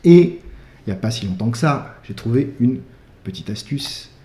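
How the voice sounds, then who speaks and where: A man's voice: mid-range voice, animated, moderate pace, warm tone. A man with a French accent, a wedding photographer giving a casual tutorial, talking loosely with lots of fillers like "bah" and "euh". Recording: echoey room.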